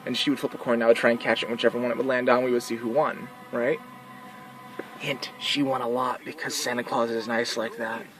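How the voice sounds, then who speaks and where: A young man speaks straight to his camera in a casual vlog. He sounds heartfelt and earnest, often restarting his sentences as he goes. His voice sits at a middling pitch for a man. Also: level tone, quick pace, a bit bright, soft background music, low-quality recording. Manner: emotional, sincere, rambling with restarts. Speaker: vlogger who works as a mall Santa.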